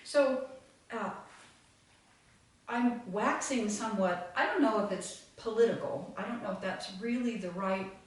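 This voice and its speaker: Speaking at an unhurried pace in a medium-pitched voice, a woman leads a full moon meditation group for a live audience in a meeting room. Her talk is reflective and meandering, full of fillers, and the recording is echoey, with her far from the mic.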